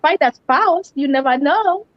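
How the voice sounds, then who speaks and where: A woman's voice: sits high, animated, unhurried, no room sound, lo-fi sound. A woman hosting an interview, enthusiastic with frequent wows. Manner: enthusiastic, many wows and laughs. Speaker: interview host.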